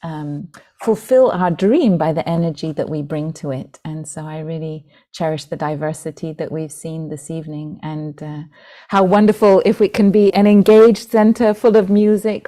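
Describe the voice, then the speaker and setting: A British woman in her forties, a Buddhist nun, speaking gently and reflectively to an online gathering. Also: on the low side. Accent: British, with an international lilt. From Britain. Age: 40s. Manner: gentle, reflective, with soft fillers and restarts. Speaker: Buddhist nun and Dharma teacher. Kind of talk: heartfelt talk to an online community. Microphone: video call.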